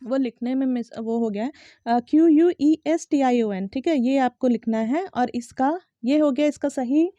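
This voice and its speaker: A young woman who speaks Hindi natively, teaching English pronunciation in a patient way, saying each word slowly several times and spelling it letter by letter. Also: sits high, dark tone, no echo, muffled recording. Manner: patient, repeats words slowly and spells them out. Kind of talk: explaining lesson to students.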